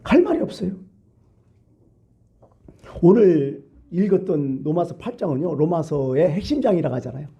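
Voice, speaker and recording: A male pastor preaching a sermon, asking rhetorical questions and swinging between loud emphasis and hushed, near-whispered lines. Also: fairly high pitch, lively intonation, normal speed, pauses often. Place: church.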